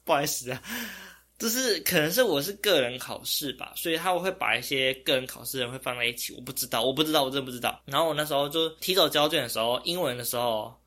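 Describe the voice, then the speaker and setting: Animated young Taiwanese man, bright voice. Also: mid-range voice. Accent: Taiwanese Mandarin. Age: young adult. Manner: animated, exclaiming, quick to laugh. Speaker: vlogger. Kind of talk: casual storytelling.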